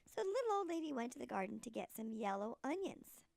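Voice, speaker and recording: A woman narrating a storybook tale in a sweet old lady manner, with a deliberate read-aloud cadence. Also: a little high, very animated, vocal fry, a little mellow, no room sound.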